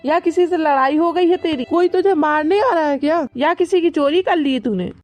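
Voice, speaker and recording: A woman's voice: sits high, moderate pace, darkish tone, dry recording, faint music behind, close to an everyday voice. A woman voicing a cheeky, teasing young village man in a cartoon, talking in a rural dialect. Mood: friendly. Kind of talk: cartoon voice acting.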